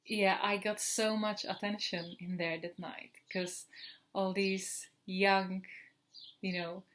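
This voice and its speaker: In a perfume review vlog, a Czech woman in her thirties chats casually, rambling with lots of fillers and restarts. Her voice is medium-pitched, slightly bright and level, and she speaks slowly.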